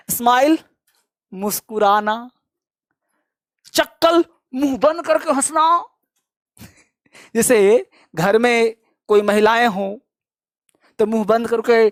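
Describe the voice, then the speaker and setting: High-voiced man teaching with brisk drills. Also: no room sound, clean studio sound. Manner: brisk drilling, repeats word lists, calls students kids. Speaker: English teacher. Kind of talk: spoken grammar lesson.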